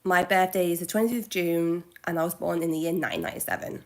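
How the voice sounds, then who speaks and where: A woman in her twenties chatting casually on a live Q&A stream, halting and correcting herself now and then. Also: on the low side, steady tone. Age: 20s. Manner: halting, self-correcting, with soft asides. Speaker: livestreamer.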